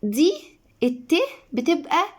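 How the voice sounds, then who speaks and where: A woman teacher with an Egyptian accent, her voice pitched a little high. She talks at an unhurried pace, drawing out each syllable and saying it twice so young learners can follow. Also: animated. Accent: Egyptian Arabic. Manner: stretches each syllable slowly and repeats it. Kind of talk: reading lesson for children.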